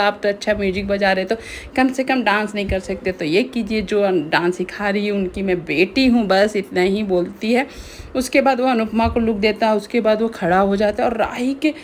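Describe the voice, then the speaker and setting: A woman's voice: mid-range voice, slight background noise. Chatty woman retelling a serial. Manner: chatty, retelling scenes with many "matlab ki" fillers. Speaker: TV serial recap narrator. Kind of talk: casual spoken recap of a TV serial.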